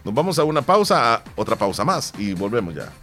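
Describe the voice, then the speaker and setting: A man with a Salvadoran Spanish accent hosting a morning radio show, reading the news and chatting casually in a relaxed way. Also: medium pitch, brisk, music in the background.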